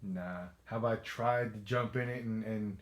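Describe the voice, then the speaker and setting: A man co-hosting a casual sneaker chat show with a noticeable accent, easygoing and quick to laugh, often restarting his phrases. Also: lowish voice, steady tone. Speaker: co-host. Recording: echoey room.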